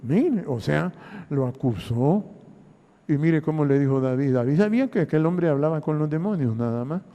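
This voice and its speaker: A man's voice: fairly high pitch, lively intonation, moderate pace, dark tone, big-room sound. A man from Honduras with a Honduran accent, a pastor preaching a sermon, constantly saying "mire" and acting out Bible dialogue. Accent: Honduran Spanish.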